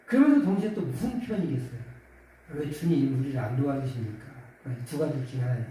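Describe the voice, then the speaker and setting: A man pastor giving a sermon in a conversational way, now and then acting out quoted voices with his pitch rising. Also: animated, fast, mellow. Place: church sanctuary. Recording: echoey church hall from far off.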